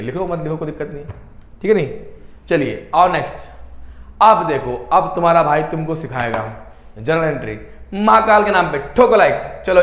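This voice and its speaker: A young man teaches commerce in an online class, asking a question and answering it himself over and over. His voice sits a bit high for a man. The room around him rings with a noticeable echo. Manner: call-and-response questioning, answers own questions; affectionate Hindi teacher talk, calls students beta.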